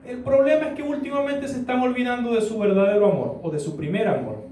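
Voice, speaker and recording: A man playing a patient, gently explaining older apostle, in a voice sitting very high for a man. The sound is roomy and comes from a distant mic. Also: quick pace, slight background noise. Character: the apostle Paul, patient older male advisor. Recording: echoey church room, distant mic.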